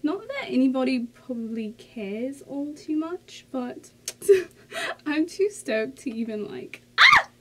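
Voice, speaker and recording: A woman reacting to a music video in casual commentary, excitable and gushing, with sudden squeals and exclamations. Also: high voice, takes it slowly, slight background noise. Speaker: reaction vlogger.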